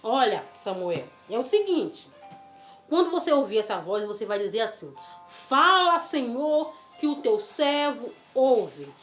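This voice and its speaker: A woman voicing an old male priest, woken from sleep, gruff and dismissive, in a storybook telling. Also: on the high side, big pitch swings, unhurried, fairly bright tone. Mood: instructive. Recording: roomy with faint music.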